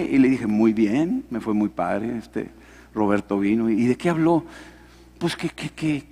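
Mexican pastor preaching in an echoing hall. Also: male voice, a little mellow. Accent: Mexican Spanish. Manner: storytelling, acting out dialogue with changing pitch. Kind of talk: sermon testimony. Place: large hall at a men's conference.

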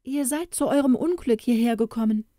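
A woman's voice: a little high, a little fast, mellow, no echo, studio quality, pitched above the performer's own voice, lightly acted. A woman voicing a kind, bold young woman in a fairy-tale forest house, urgent and bossy. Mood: urgent warning.

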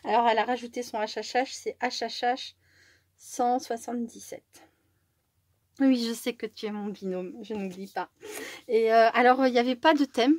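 Woman vlogger, casual and rambling, trips over her words and laughs a lot; higher voice, dry recording. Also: fairly even intonation, moderate pace, dry recording. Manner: rambling, self-correcting, giggly, drops to a hush at times. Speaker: craft YouTuber opening fan mail. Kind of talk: casual chatty vlog.

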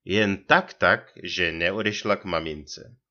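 A man's voice: low-pitched, bright, forceful tone, muffled recording. A man reading a humorous short story aloud with dry, ironic delivery. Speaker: audiobook reader.

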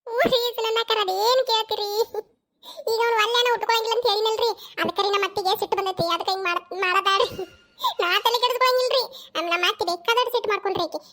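A woman's voice: extremely high pitch, fairly even intonation, fast, pushed and bright, heavily acted. A woman voicing a cheeky, chatty young daughter-in-law in a cartoon, with a North Karnataka accent and a gossipy, giggly way of talking. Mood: defiant. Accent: North Karnataka Kannada.

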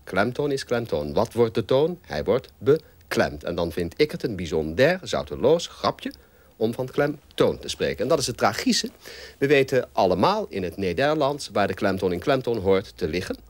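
An actor playing a pompous, lecturing language scholar in a comedy sketch interview. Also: male voice, on the low side, sing-song, moderate pace, no room sound. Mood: pedantic. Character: pedantic male language scholar doctor. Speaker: language expert guest.

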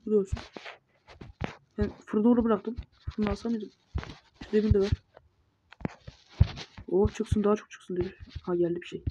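A woman's voice: medium pitch, fairly even intonation, normal speed, pauses often. Woman gaming and talking to herself, bossing the monsters around, kinda dull muffled mic with hiss and clicky keys behind. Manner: mutters running self-talk, scolds the monsters. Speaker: gamer. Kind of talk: casual gameplay commentary.

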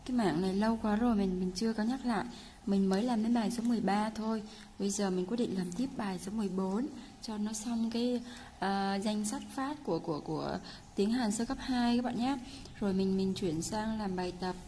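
Mellow-voiced woman teaching Korean. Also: mid-range voice, a little hiss or hum. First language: Vietnamese. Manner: patient, repeats words slowly for learners. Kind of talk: casual online lesson.

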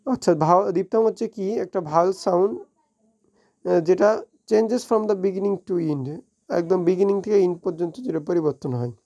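A woman with a Bengali accent teaching an exam review lesson. She reads English definitions slowly, explains them quickly and often corrects herself. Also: lowish voice, warm tone, muffled recording. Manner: frequent self-corrections and restarts.

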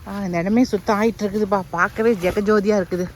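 A woman's voice: mid-range voice, steady tone, quick pace, darkish tone, a little hiss or hum. A young woman in casual, chatty vlog narration outdoors on a farm, talking straight to her viewers. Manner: chatty, addresses viewers directly. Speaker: village vlogger.

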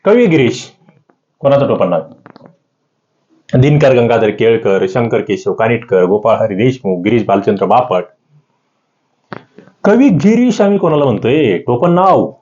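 A man with a Marathi accent teaching an exam-prep lesson, rising sharply in pitch on the key answers. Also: lively intonation, measured pace, long pauses, darkish tone. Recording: slightly dull lo-fi audio.

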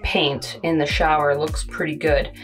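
A woman's voice: deep voice, flat delivery, measured pace, soft background music. A woman in her thirties giving a casual, matter-of-fact renovation update inside a small travel trailer, talking close to a handheld camera. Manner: chatty and matter-of-fact, shrugging things off. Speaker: renovation vlogger. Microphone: handheld camera close to face.

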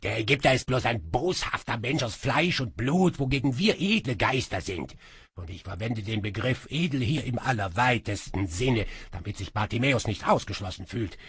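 A man plays a stocky, bad-tempered djinn with a sardonic, muttering delivery. The voice is very husky and dry, moving lively up and down. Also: medium pitch, moderate pace, dry recording, heavily acted. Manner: sardonic, mumbling. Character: stocky, grumpy, sly male djinn.

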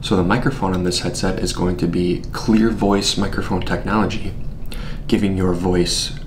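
Speaking at a normal pace in a low voice, a young man unboxes a product from a script while sitting at a desk in a small studio. He explains its features steadily, step by step, over some background noise.

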